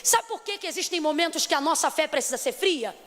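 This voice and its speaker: High-pitched Brazilian woman, Rio accent, dramatic preacher who shouts at peaks; hall reverb on the recording. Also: animated, brisk. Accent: Rio de Janeiro Portuguese. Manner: dramatic, acts out scenes, rising to shouts. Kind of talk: sermon. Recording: long hall reverb, faint noise.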